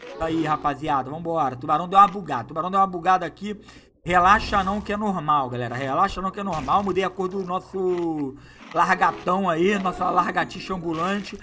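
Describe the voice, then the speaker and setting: Hyped gamer dude, high bright voice, slangy play-by-play, faint game noise. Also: male voice, a little fast. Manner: excitable, slangy, hypes up viewers. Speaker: gaming youtuber. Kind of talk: live gameplay commentary.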